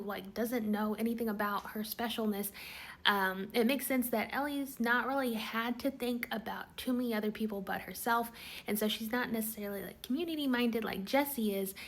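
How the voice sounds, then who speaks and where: Woman, slightly high voice, chatty recap, lots of fillers. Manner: chatty, many "like" fillers, quotes characters. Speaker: TV recap vlogger. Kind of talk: casual episode recap.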